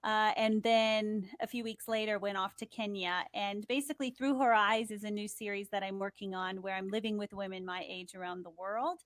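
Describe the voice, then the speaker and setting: A woman's voice: mid-range voice, steady tone, moderate pace, hardly any pauses, dry recording, clean studio sound. A young woman telling stories as the guest of an interview in an upbeat, chatty way. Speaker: guest, TV host and producer. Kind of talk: conversational interview.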